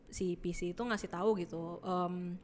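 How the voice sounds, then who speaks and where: A woman's voice: fairly low pitch, fairly even intonation, normal speed, darkish tone. A young woman, chatting casually as a podcast host, laughing often and explaining with everyday examples. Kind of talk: casual chat.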